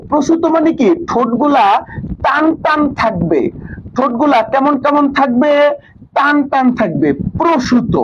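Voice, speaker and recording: A young man teaching a live online class, drilling students with questions and repeating answers. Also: very high-pitched. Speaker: online tutor. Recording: dull lo-fi live stream audio.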